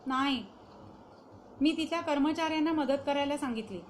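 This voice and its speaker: A woman's voice: high voice, moderate pace, slight background noise, voice pushed up, natural voice. A woman voicing a troubled middle-aged wife who turns agitated and bitter, in a raised, strained voice. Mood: puzzled.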